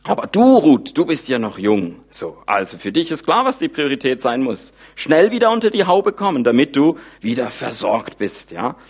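Animated German-speaking preacher man. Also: mid-range voice, moderate pace, few pauses, slightly rough. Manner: lively storytelling, voices characters' thoughts informally; animated, wide swings in loudness. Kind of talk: sermon.

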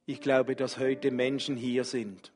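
A man preaching a sermon as pastor, speaking slowly and gently and inviting the congregation to worship. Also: mid-range voice, level tone. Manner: slow, gentle, speaks softly in personal address.

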